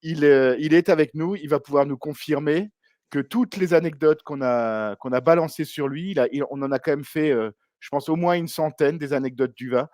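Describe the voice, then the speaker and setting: Higher-voiced male podcast co-host. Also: moderate pace, darkish tone, no echo, studio quality. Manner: chatty and hesitant, many fillers. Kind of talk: casual podcast chat.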